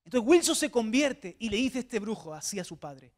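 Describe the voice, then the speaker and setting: A man preaches a fervent sermon in church. He drops to near-hushed tones, then rises to loud, ringing exhortation, often stumbling over repeated little words as he goes. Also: sits high, sing-song, normal speed. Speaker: pastor. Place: church before a congregation.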